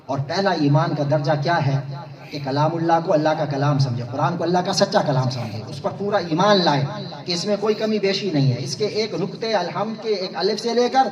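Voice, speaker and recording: A man's voice: a little high, dull audio. Man, preacher, sermon, rhetorical questions, roomy hall, crowd noise. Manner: rhetorical, quizzes the audience. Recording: roomy, far-off mic, crowd.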